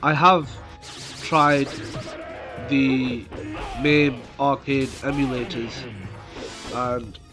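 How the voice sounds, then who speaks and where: His voice mid-range, nasal, and showing little pitch movement, a man with a cold starting casually commentates his game for YouTube. He rambles slowly, leaning on fillers, with game music in the background.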